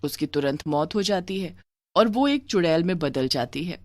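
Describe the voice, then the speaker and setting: Woman narrating a cartoon story, very lively pitch, dry close sound. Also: moderate pace, no room sound.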